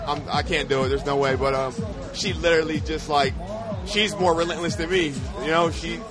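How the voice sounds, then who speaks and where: A man in his thirties with a fairly high voice, an athlete and coach, talks casually in an interview. He speaks energetically in long, run-on lists.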